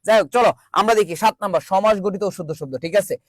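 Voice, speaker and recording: A man with a high, quick voice leads an online grammar class. He drills his students call-and-response style, repeating each question before answering it himself. The sound is dry and close, with no room echo. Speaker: teacher. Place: virtual classroom.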